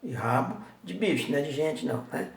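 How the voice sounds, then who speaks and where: A man teaching in a relaxed, chatty way, drilling words by saying them over and over for his viewers. His voice sits a little high for a man. The sound bounces around the room he records in. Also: brisk, vocal fry. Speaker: Tupi language teacher. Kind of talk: casual video lesson. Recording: echoey room.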